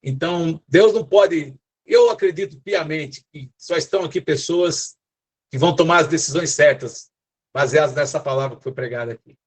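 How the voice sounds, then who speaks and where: A man's voice: fairly high pitch, moderate pace, slightly rough. An older man with a São Paulo accent, preaching earnestly in an online church service over a video call, often tagging his sentences with questions. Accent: São Paulo Portuguese. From São Paulo, Brazil. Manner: earnest, exhorting, frequent tag questions. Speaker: apostle, guest preacher.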